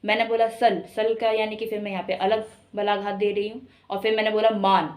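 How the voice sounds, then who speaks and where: A woman teaching an online Hindi class, explaining step by step and slowly stretching example words to show stress and tone. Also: medium pitch, level tone.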